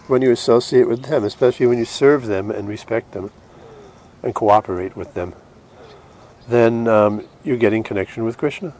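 A man giving an informal devotional lecture as a religious teacher, short of breath and halting, with restarts. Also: medium pitch, a little mellow.

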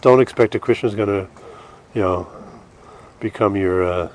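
Breathless, halting man giving a devotional talk. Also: fairly low pitch, darkish tone, a little hiss or hum. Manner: halting, with trailing restarts. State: short of breath. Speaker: religious teacher giving a class. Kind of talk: informal devotional lecture with questions.

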